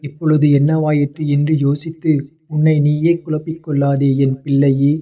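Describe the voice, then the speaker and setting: A man voicing a fatherly male god who calmly consoles a devotee in a devotional address, repeating tender words of endearment. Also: on the high side, moderate pace, close to an everyday voice. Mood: consoling. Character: fatherly male god comforting his child.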